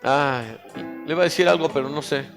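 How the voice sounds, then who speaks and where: A man preaching a sermon as pastor, exhorting fervently and dropping now and then into quiet asides. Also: fairly high pitch, brisk. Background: instrumental music.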